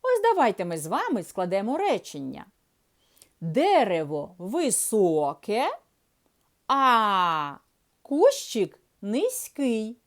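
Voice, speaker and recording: A woman gives a reading lesson to small children in a patient, sing-song voice. Her pitch sits a little high and rises and falls widely. She speaks slowly and carefully. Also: wildly swooping pitch, warm tone. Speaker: preschool teacher. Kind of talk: early-years reading lesson.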